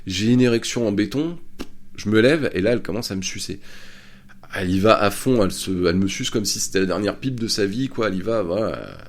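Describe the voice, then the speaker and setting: A man's voice: fairly low pitch, a little fast. A man hosting a podcast, telling a crude story in a chatty, casual way and laughing often. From France. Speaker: podcast host. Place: Bordeaux area.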